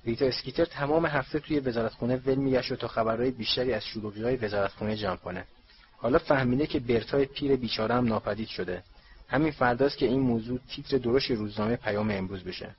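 A man's voice: medium pitch, lo-fi sound, a little hiss or hum, natural voice. A man voicing a tired, irritated middle-aged wizard father. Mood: weary. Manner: weary, irritated.

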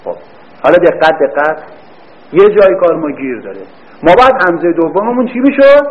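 A man teaching a grammar class who quizzes his students, answers his own questions, and drags words out slowly when he repeats them. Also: fairly high pitch, sing-song. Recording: dull lo-fi recording.

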